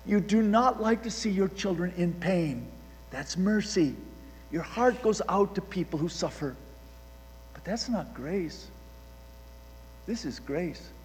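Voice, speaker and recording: A man with a fairly high voice delivers a sermon from the pulpit, swinging between loud emphasis and hushed asides and often restarting his words. His voice rings with a long reverb, as in a large hall. A faint mains hum sits underneath. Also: animated, slow pace, long pauses. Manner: frequent restarts and repeated words. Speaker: pastor.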